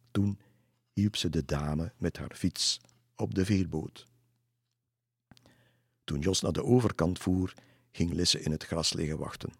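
A man reading a children's story aloud as narrator, calm and measured. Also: low voice, gravelly, breathy edge, dry recording, clean studio sound.

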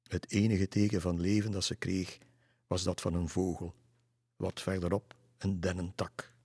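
A man reads a children's story aloud in a calm, unhurried way. His voice is very low and a little husky. The recording is close and dry, with no room sound. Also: dry recording.

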